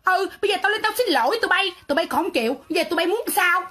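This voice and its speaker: A woman's voice: extremely high pitch, expressive, very fast, pushed and bright. A woman with a Southern Vietnamese accent ranting on a livestream, defiant and sarcastic, talking back in a quarrelsome way. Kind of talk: livestream rant.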